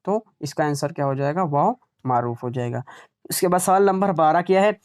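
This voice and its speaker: A man's voice: fairly high pitch, lively intonation, a little fast, a little mellow, clean tone. Man teaching exam prep, repeating words. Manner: drills words aloud, asks and answers own questions.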